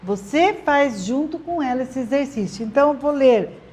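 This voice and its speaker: High-voiced Brazilian woman giving friendly teaching advice. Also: lively intonation, normal speed. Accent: Brazilian Portuguese. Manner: warm and encouraging, with many tag questions. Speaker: literacy teacher answering parents' questions. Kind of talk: friendly advice talk to parents.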